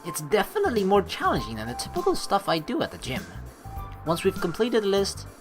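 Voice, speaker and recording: A let's player with a playful, teasing manner commentates on a game and reads its visual novel text aloud over background music. Her mid-range voice swings hugely in pitch, and she speaks fairly quickly.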